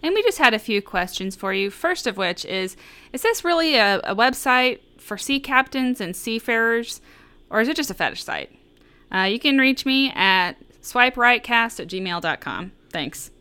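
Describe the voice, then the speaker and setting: A woman's voice: on the high side, animated, moderate pace, pushed and bright, smooth. A woman co-hosting a casual podcast, talking in a wry, skeptical, amused way. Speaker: podcast co-host.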